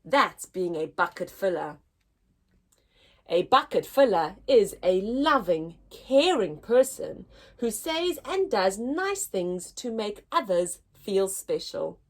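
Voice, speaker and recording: Reading aloud from a picture book, a children's story time host speaks in a mid-range voice. She addresses her young audience expressively and deliberately, the way a teacher might.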